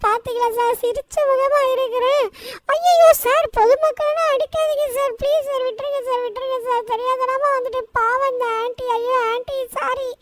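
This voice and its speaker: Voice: extremely high pitch, steady tone, a little fast, far from the mic, slight background noise. A performer voicing a cheeky, easily panicked little cartoon boy who begs frantically in a comic game voice-over. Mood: panicky pleading. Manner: frantic pleading, constant "sir, sir" begging.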